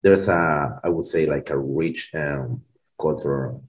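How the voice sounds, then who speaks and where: This interview guest, a band member in his forties, has a very deep voice and takes his time. Originally from Colombia, he carries an Argentine Spanish accent and speaks English as a second language, rambling easily with plenty of fillers and restarts.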